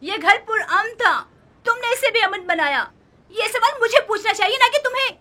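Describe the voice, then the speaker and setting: A woman's voice: very high voice, lively intonation, moderate pace, bright, forceful tone, heavily acted. An actress dubbing a proud noble wife and mother in a historical drama, reproachful toward her husband. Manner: reproachful and pleading.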